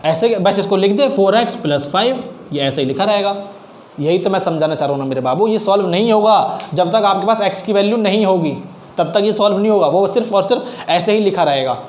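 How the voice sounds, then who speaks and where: Speaking briskly with a lively, slightly mellow high voice, this man tutors math casually, breaking things into steps and mixing in English math vocabulary. Faint noise and echo fill the room.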